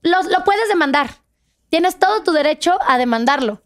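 A woman with a Mexican Spanish accent, telling a story with emphatic, animated delivery in a casual panel chat. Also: very high voice, moderate pace. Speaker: sports reporter guest.

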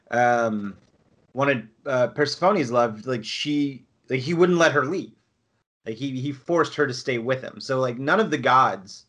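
Man, casual chat, rambling explainer, many restarts, mid pitch. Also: fairly bright tone.

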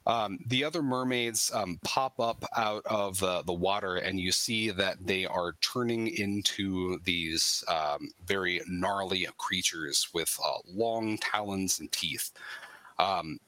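Man with a bright voice, narrating as game master. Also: low-pitched, no echo. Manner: halting, lots of ums and uhs.

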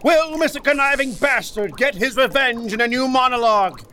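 Comedy announcer: male actor as mock-dramatic cliffhanger narrator, high, bright voice. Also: moderate pace, slight background noise.

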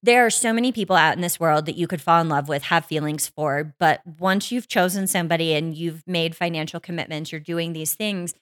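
A woman co-hosting a casual podcast chat with a slightly low voice. She talks in an emphatic, opinionated way and swears freely. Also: brisk, few pauses, fairly bright tone. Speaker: podcast co-host.

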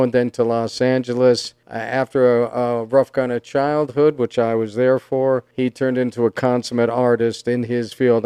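A man's voice: medium pitch, warm tone, smooth, no room sound. A man hosting a casual interview podcast, upbeat and promotional, with a Southern Californian accent. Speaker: podcast host.

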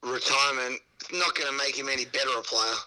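A man guesting on a sports podcast, with dry, teasing remarks. His voice is very bright and sharp-edged at a middle pitch. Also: quick pace, low-quality recording. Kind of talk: casual sports podcast chat.

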